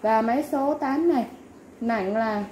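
A woman seller giving a polite, informal product sales pitch, going item by item with repeated stock phrases. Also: a little slow, darkish tone. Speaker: online seller of used fishing reels. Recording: clearly noisy background ambience.

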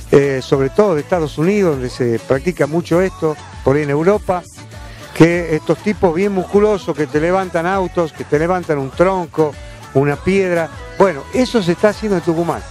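A man's voice: a little high, moderate pace, darkish tone, faint music behind. A man in his forties with an Argentine accent, presenting a sports show outdoors, chatting straight to viewers with a handheld mic. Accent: Argentine Spanish. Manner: chatty, direct address to viewers. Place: outdoor park with trees. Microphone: handheld microphone.

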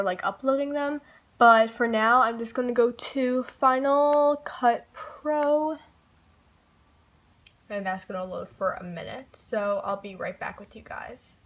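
A woman's voice: a little high, a little slow. A young woman YouTuber filming a casual tutorial vlog on her phone from her bed, talking in a chatty, rambling way full of "like" and "um". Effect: recorded on a phone. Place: sitting on her bed at home. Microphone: phone camera.

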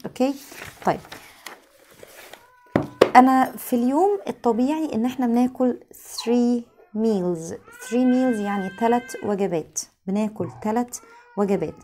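A woman with an Egyptian accent teaching an English lesson, her voice tired and strained, repeating each word slowly for drilling. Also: on the high side, dark tone, slight background noise.

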